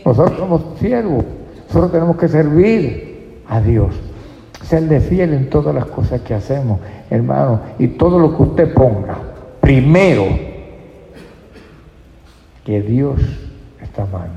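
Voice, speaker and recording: A male pastor preaches slowly and emphatically, often calling his listeners brother. His voice is gravelly and rings through a reverberant hall. The recording sounds dull and lo-fi. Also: mid-range voice, lively intonation, mellow. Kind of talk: sermon. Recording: dull, echoey church hall.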